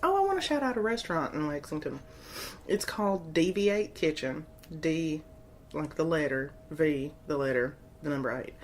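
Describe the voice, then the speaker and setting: Low-voiced giggly woman podcast host. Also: lively intonation, normal speed, a little hiss or hum. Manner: giggly, joking, crude banter. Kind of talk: casual chat.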